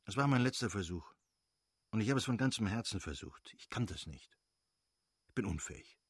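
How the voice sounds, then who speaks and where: A man reading the part of a downcast younger brother who speaks quietly and hesitantly. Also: low-pitched, a little fast, slightly rough, dry recording, clean studio sound. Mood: dejected.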